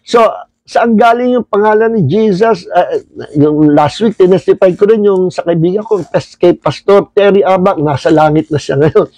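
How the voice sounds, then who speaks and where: An older man with a Filipino accent, a pastor telling stories in a livestreamed Bible study sermon, mixing English phrases into his talk and crying out loudly at times. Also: high voice, moderate pace, no room sound, poor audio.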